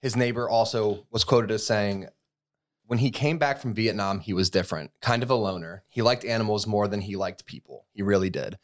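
A man in his thirties from the United States, co-hosting a podcast with a fairly low voice. He tells a story in an easygoing, conversational way, full of fillers and restarts. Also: fairly quick. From USA. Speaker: podcast co-host. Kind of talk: casual chat.

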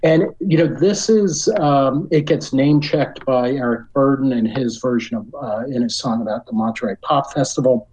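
A man's voice: mid-range voice, normal speed, hardly any pauses, a little mellow, low-quality recording. A man co-hosting a casual music discussion, rambling and full of "you know," talking enthusiastically. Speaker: podcast co-host.

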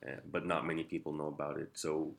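A man's voice: very deep voice, level tone, fast talker, vocal fry. A man. He speaks as a guest in an interview, laying out explanations from his own line of work. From Angola. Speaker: interview guest, founder of a nightlife and tourism company.

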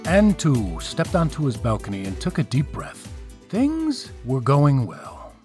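A man's voice: medium pitch, huge pitch swings, measured pace, darkish tone, faint music behind. A man telling a myth in a playful, wry way, with casual asides to the listeners. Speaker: storyteller. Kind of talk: casual storytelling narration of myths.

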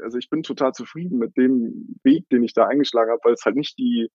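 A man's voice: mid-range voice, quick pace, darkish tone, slightly rough, no echo, muffled recording. A young man in his twenties telling the story of his coffee cart business in a casual interview, with many fillers and laughs.

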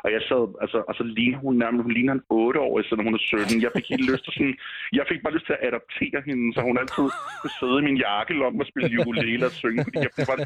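A man's voice: mid-range voice, lively intonation, lo-fi sound. A man co-hosting a casual podcast chat, blunt and opinionated, swearing casually. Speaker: podcast co-host. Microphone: remote call line.

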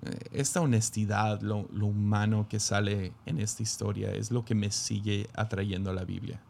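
A man's voice: fairly low pitch, steady tone, normal speed, vocal fry, darkish tone, a little hiss or hum. A man, a pastor, reading scripture aloud and then musing on it in a reflective sermon, with frequent restarts.

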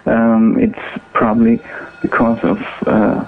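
A man calling in over the phone, speaking hesitantly with many pauses and fillers. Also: on the low side, monotone, gravelly. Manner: hesitant, halting, full of fillers. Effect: heard over the phone. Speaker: caller. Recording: tinny phone line.

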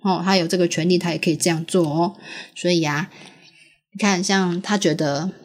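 A mother chats with her small daughter about a story in a rather low voice. She asks patient questions and laughs easily. She sounds like a woman in her thirties. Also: fairly even intonation, moderate pace. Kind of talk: casual storytelling chat with a child.

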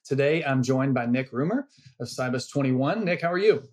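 A man's voice: medium pitch, expressive, moderate pace. A man hosting a podcast interview, friendly and conversational. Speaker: podcast host.

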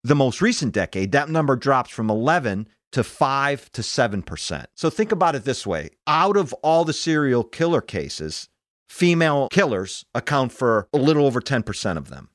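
A man's voice: mid-range voice, sing-song, normal speed, no echo, studio quality. A man in his fifties hosting a podcast, talking through cases as a conversational true crime narrator.

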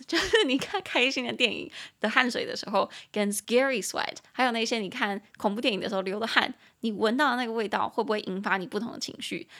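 A young woman hosting a casual language lesson podcast, chatting freely and slowing down to say example sentences carefully. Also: on the high side, a bit bright. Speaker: English teacher podcast host.

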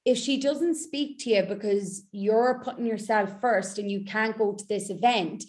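A woman's voice: medium pitch, moderate pace, darkish tone. A woman speaking as a mindset coach in a podcast interview, making her points in short, emphatic, repeated sentences.

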